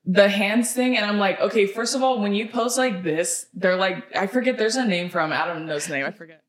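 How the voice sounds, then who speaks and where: A woman's voice: medium pitch, a little fast, reverberant. A woman co-hosting a podcast in casual chat, sassy and blunt, swearing freely and repeating phrases for emphasis. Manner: emphatic repetition for effect. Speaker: podcast co-host.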